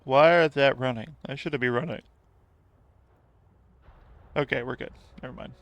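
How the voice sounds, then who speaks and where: A man's voice: mid-range voice, moderate pace. A man live-streaming a game, chatting casually to his viewers, rambling and laughing often. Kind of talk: casual live-stream chat while gaming.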